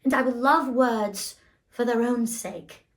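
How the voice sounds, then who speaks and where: A woman's voice: on the high side, slow pace, pitched above the performer's own voice. A woman playing a headstrong young English girl in a British accent, in a theatrical audition monologue. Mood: haughty. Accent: put-on British. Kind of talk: audition self-tape monologue.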